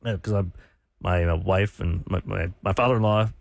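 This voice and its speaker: A man's voice: low-pitched, fairly even intonation, brisk, vocal fry, dry recording. A man chatting casually on a radio panel, opinionated and telling personal anecdotes in repeated, tumbling phrases. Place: radio studio.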